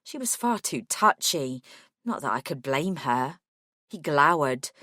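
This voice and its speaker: A woman narrating a first-person audiobook in a wry, measured way on a close studio mic. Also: low-pitched, sing-song, sharp tone, no room sound.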